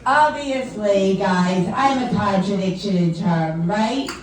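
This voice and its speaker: A woman with a mid-range voice speaks slowly, far from the mic. She's a stand-up comic from the tri-state area who sounds older than her years, ribbing the crowd in a chatty, self-deprecating way. The echoey comedy club is full of audience laughter and chatter.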